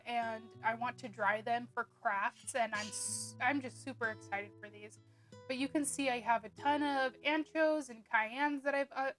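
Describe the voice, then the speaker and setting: A woman's voice: a little high, a bit bright. A woman narrating a casual homemaking vlog, chatty and rambling with frequent ums and little laughs. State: hiccuping. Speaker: homemaking vlogger.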